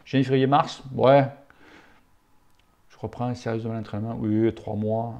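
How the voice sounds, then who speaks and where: Gravelly, blunt man answering cycling questions. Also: mid-range voice, steady tone, normal speed, darkish tone. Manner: blunt, familiar and outspoken, with crude slang. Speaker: cycling channel host answering viewer questions. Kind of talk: casual spoken Q&A.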